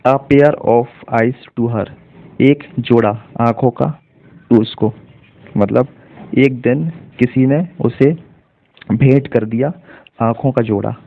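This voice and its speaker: A man's voice: medium pitch, creaky. A man teaching English reading in Hindi, spelling each word letter by letter and then explaining its meaning. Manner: spells words letter by letter, then translates slowly. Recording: tinny phone-like audio.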